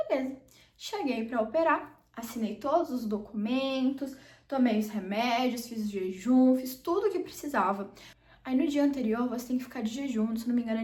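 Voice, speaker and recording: A woman's voice: on the high side, reverberant, distant mic. A young woman from Brazil telling a personal story in a chatty vlog, acting out the quotes as she goes. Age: young adult. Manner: chatty, animated, acts out quotes. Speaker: vlogger.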